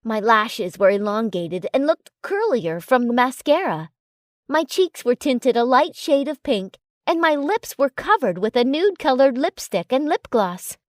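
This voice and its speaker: Reading scripted romance narration at a measured pace, a high-voiced woman lets her pitch sweep in a lively way. The audio is a dry recording with almost no room sound.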